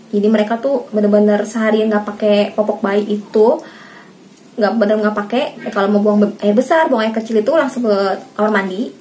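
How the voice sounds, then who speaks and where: A woman in her thirties, a mother sharing parenting tips in casual direct-to-camera advice, chatty and addressing viewers warmly by a pet name. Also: medium pitch. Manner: chatty, addresses viewers as Mams, acts out her kids' lines.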